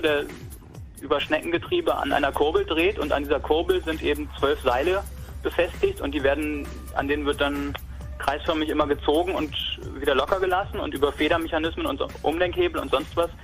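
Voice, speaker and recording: Talking loosely about the robot he's building as a hobby, a young Berlin man rambles, restarting often and leaning on fillers. His voice is fairly bright and pitched on the high side.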